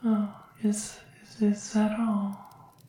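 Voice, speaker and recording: A woman's voice: mid-range voice, completely flat delivery, drawn-out words, dark tone, heavy reverb, far from the mic, a little hiss or hum. A woman voicing a devoted, formal female servant from another world, whispering hesitantly and deferentially in an ASMR roleplay.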